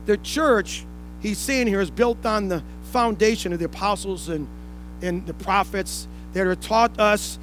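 An unhurried man with a high, slightly bright voice preaches to a congregation indoors, laying out points one after another with rhetorical questions and emphatic repetition of key phrases. Faint music plays behind him and the audio quality is poor.

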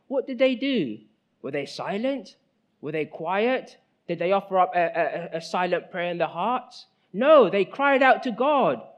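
High-voiced man preaching with loud-soft swings. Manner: emphatic, rhetorical questions, loud-soft swings. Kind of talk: sermon.

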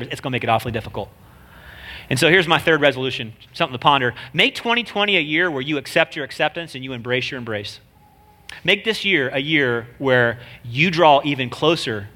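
Speaking with a fairly high, bright and forceful voice, this nasal-sounding guest preacher keeps things loose. His sermon is chatty, jokey and full of slang.

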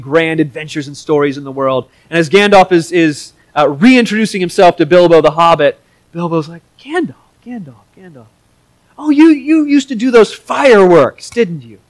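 A male pastor preaching a sermon with a slightly raised voice. He talks in an earnest, conversational way and sometimes restarts his phrases. The sound is dry and close, with little room echo. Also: on the high side.

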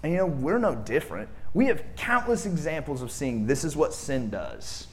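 A man's voice: on the high side, big pitch swings, normal speed. A man preaching a sermon in a conversational way, using fillers and asking the congregation rhetorical questions. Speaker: pastor.

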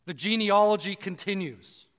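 A man preaching a conversational sermon, dropping low and slow for emphasis. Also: a bit bright, big-room sound. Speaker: pastor.

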